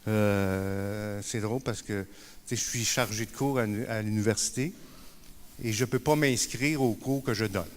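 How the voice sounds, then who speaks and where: A man with a Quebec French accent giving a conference talk, self-deprecating and halting with many fillers. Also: lowish voice. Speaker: conference speaker. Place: conference room.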